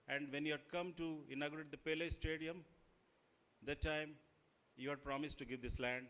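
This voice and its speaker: Man, Indian accent, formal ceremonial speech, respectful and deferential, deliberate phrasing. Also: on the high side, a bit bright. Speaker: school chairman addressing a chief guest.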